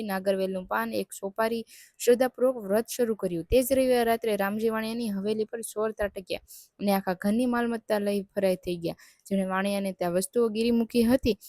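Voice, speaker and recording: Woman storyteller, devotional tale, steady measured reading, dry close recording, mid pitch. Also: no echo. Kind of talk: scripted narration of a devotional tale.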